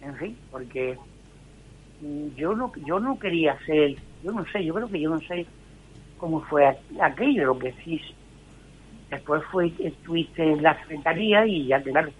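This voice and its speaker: A man's voice: fairly high pitch, animated, husky. Older man on a muffled phone line. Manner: ironic, halting. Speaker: retired teacher on the phone. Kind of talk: casual chat.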